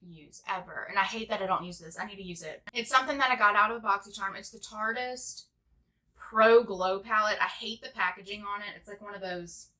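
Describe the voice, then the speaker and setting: A woman's voice: medium pitch, a little fast, pushed and bright. A woman in her twenties chatting casually through a makeup tutorial, rambling with lots of "like". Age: 20s. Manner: rambling, chatty, heavy use of "like". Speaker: beauty vlogger.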